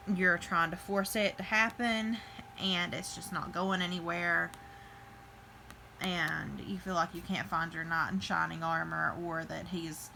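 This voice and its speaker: Bright-voiced woman doing a chatty tarot reading. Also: on the low side, slight background noise, rough recording. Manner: chatty, thinks aloud, fillers and restarts. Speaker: tarot reader. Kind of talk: casual tarot reading to camera.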